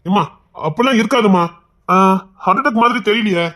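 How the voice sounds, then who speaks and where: A man playing a father in a family comedy skit, talking in an exasperated way and calling out loudly. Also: high-pitched, fairly quick. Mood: puzzled.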